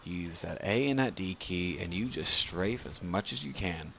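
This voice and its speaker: Drunk man with a low, gravelly voice. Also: animated, moderate pace, fairly bright tone, slight background noise. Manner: rambling, losing his train of thought. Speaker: gameplay tutorial narrator. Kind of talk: casual video game commentary.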